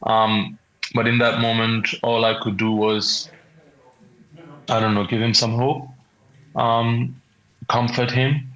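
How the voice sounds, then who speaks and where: Shaken young Pakistani-accented man, halting and flat. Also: mid-range voice, highs cut off. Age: 20s. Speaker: eyewitness being interviewed. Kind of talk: interview account of a traumatic event.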